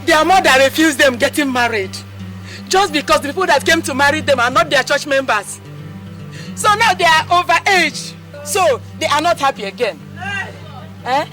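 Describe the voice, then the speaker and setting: A woman's voice: high voice, lively intonation, normal speed, bright, forceful tone. An actress with a Nigerian accent playing a chatty village woman explaining a family feud. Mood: gossipy. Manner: chatty, matter-of-fact. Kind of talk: film drama acting. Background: film score music.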